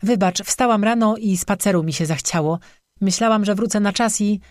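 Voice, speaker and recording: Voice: medium pitch, normal speed, dry recording, clean studio sound, pitched above the performer's own voice, close to an everyday voice. A narrator voicing a shy, timid young woman in an audiobook. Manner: timid, soft. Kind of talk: audiobook character voice.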